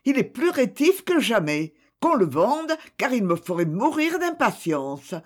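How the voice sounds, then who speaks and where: A storyteller voicing an irritated farm woman who scolds and shouts at a stubborn donkey. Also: medium pitch, sing-song, a little slow, voice pushed up. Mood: exasperated. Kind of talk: storybook reading.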